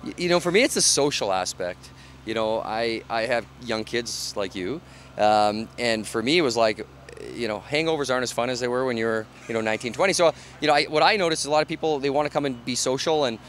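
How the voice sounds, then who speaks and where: A bar owner in his thirties speaks casually during an on-site interview into a handheld reporter mic, using many fillers like "you know" and "um." He starts outdoors on a street, then moves inside a large bar and bowling hall. His mid-range voice is expressive, fast, and a bit bright, with slight background noise.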